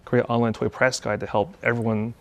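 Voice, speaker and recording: A man's voice: medium pitch, level tone, fast talker. A man, a toy shop owner, talking as a guest on a casual show, hesitant with many fillers. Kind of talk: casual talk-show chat.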